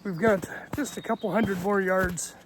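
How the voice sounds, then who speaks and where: Young male hiking vlogger, higher pitch, easygoing and self-mocking, phone mic outdoors with faint background noise. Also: steady tone, measured pace. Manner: chatty, self-deprecating, laughs often. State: out of breath. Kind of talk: casual outdoor vlog narration. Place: snowy mountain trail outdoors. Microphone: handheld phone.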